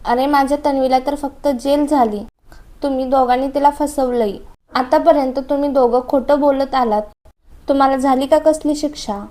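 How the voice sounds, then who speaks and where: A woman reading the lines of an angry young man who bitterly accuses his family, in her own high voice. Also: steady tone, moderate pace, warm tone, lightly acted. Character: angry young man defending jailed wife.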